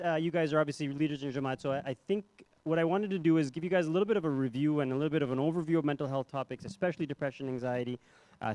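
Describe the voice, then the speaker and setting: A man's voice: fairly high pitch, a little mellow, no room sound. A young man, a psychiatrist, giving a conference talk in a ballroom with a handheld mic, conversational and self-deprecating, with many fillers and restarts. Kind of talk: conference presentation. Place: hotel ballroom.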